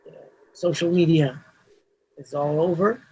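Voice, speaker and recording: Here the interview guest, a mastering engineer who speaks Hebrew, rambles casually with restarts and frequent "you know" fillers. His voice is a little high, warm and slightly rough, moderate in pace with a steady tone, though the audio is poor.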